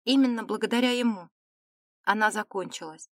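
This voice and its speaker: A woman voicing a reserved young male viscount in an audiobook, with calm, restrained delivery. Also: mid-range voice, a little fast, no room sound, clean studio sound, lightly acted. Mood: guarded. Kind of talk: audiobook character reading.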